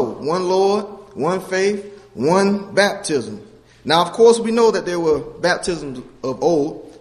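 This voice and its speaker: High-voiced man preaching in a reverberant hall. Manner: earnest teaching, reads scripture aloud, asks questions. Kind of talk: sermon. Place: church with a baptistry.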